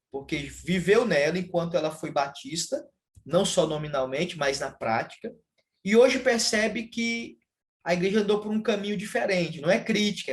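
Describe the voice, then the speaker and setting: Pastor brasileiro explicando com calma. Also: male voice, high voice. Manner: measured, explanatory, with frequent "ah" fillers. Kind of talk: casual theological conversation.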